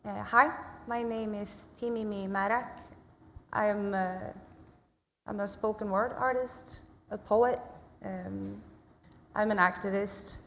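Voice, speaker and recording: Poet, activist, very slow, gravelly, long reverb, faint noise. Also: medium pitch, steady tone, fairly bright tone. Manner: slow, deliberate. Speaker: spoken word poet and activist. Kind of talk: panel self-introduction. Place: museum auditorium.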